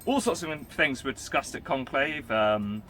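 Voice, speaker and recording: Bright-voiced playful man telling a tale. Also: medium pitch, a little slow, soft background music. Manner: playful, rambling, animated storyteller. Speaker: vlogger recounting a live-action role-play event. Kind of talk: casual in-character storytelling chat.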